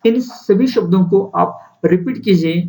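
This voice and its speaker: Male teacher, very slow and deliberate, spells out each word letter by letter and then says it. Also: sits high, creaky, darkish tone, low-quality recording. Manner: spells words letter by letter, then sounds them out. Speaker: English teacher. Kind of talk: spoken lesson.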